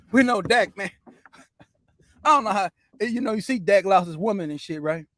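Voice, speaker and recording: Male sports show host, high-ish voice, dry close sound, profane ranting delivery. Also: fairly bright tone, no room sound. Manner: loose, profane, says "man" constantly. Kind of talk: casual sports rant.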